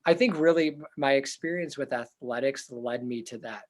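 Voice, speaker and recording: A young man, a therapist, answers interview questions in a loud, earnest voice at an ordinary middle pitch and normal speed. His talk is reflective and casual, and he thinks out loud, circling back with fillers and restarts.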